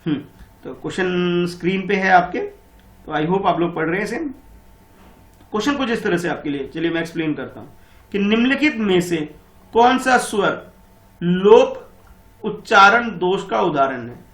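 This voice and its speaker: A man's voice: sits high, animated, moderate pace, pauses often, a bit bright. A man, a teacher explaining exam questions and asking himself rhetorical questions as he goes. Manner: repeats and asks rhetorical questions. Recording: echoey room.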